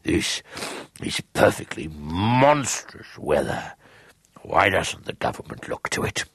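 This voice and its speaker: Male reader doing a deep, gravelly storybook wolf, slow and grumbling. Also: very animated, a bit bright, no room sound, studio quality, heavily acted. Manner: growling, menacing.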